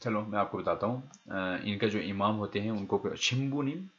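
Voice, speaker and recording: In a recorded online lecture, a man teaches a language lesson step by step, repeating each key word and quizzing his students as he goes, pausing mid-lesson to check his notes. His voice is fairly low and fairly bright, with the highs cut off.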